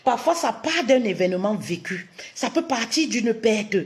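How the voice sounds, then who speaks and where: A woman's voice: on the high side, animated, normal speed. A woman relationship coach giving a live-streamed talk, cutting in with emphatic affirmations and posing many rhetorical questions to her listeners. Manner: addresses listeners warmly as "my queens", repeats key phrases.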